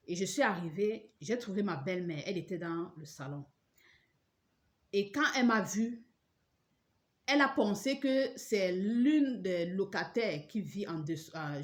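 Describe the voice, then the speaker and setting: A woman giving an emotional personal religious testimony, storytelling and acting out the voices in it. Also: on the low side. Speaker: testimony speaker.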